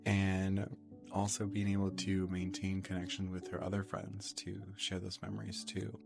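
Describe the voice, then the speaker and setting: A man hosting a podcast in a soft, hushed library voice, talking casually and reflectively. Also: low-pitched, monotone, normal speed, creaky, music in the background. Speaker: podcast host.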